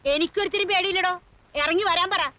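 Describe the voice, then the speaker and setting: An actress playing a bossy, feisty old grandmother who owns the house, sharp-tongued and quick to scold. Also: very high voice. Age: older.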